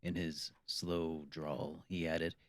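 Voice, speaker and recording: A man narrating an audiobook with a steady, measured reading. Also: very deep voice, dry recording. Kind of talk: scripted narration.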